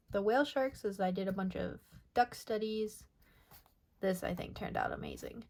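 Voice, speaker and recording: A young woman casually narrating over her sketchbook pages, soft and rambling with many pauses and filler words. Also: mid-range voice. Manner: soft, rambling, many ums and self-corrections. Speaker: artist showing her sketchbook.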